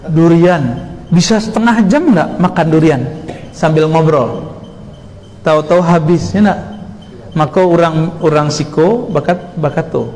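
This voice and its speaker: A man delivers a lively sermon and keeps putting rhetorical questions to the congregation. His voice sits a little high and rings through a long hall reverb, with a faint hiss underneath. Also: a little slow, long pauses. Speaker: preacher.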